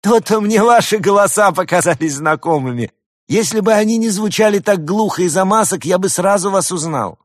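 A man voicing an excitable young companion. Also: high voice, a little fast, no room sound, studio quality, pitched above the performer's own voice. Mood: excited. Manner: excited, loud.

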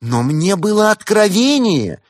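A man's voice: expressive, moderate pace, darkish tone, no echo, studio quality, close to an everyday voice. A man voicing a fussy, self-important female cat sorceress in an audiobook. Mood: shrill. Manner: shrill, demanding, self-important. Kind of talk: audiobook character voice.

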